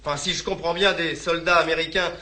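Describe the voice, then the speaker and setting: Anxious colonial officer, stiff military formality, slightly high, sharp tone. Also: male voice, steady tone, fast. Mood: tense. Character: nervous French colonial lieutenant, out of his depth. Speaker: army lieutenant.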